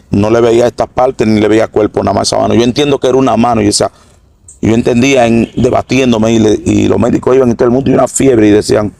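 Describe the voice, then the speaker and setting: A middle-aged man giving an earnest, halting religious testimony that repeats phrases. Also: on the low side, gravelly, a little mellow, no room sound. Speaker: former drug trafficker giving testimony.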